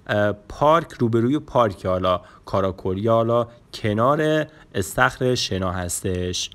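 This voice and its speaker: Man teaching Turkish words, slow repeats. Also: on the low side. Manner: drawls the Turkish words slowly and repeats them. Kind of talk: casual online language lesson.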